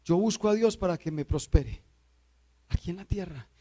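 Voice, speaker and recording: A man from Antioquia with a Colombian accent preaching a sermon, swinging from loud pleading cries to low, slow, intimate stretches. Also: expressive. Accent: Colombian Spanish, Antioquia. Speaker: pastor.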